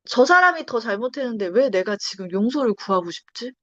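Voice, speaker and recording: A woman's voice: a little high, lively intonation, brisk, dry recording. A pastor's wife telling her personal faith testimony in conversation, telling the story expressively and acting out the lines of the people in it. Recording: dull dry lo-fi sound.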